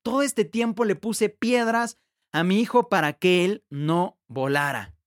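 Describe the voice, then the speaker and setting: A man's voice: sits high, measured pace. A man voicing a young father in a retold story, exclaiming in amazement and regret. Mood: regretful. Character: astonished then ashamed young father.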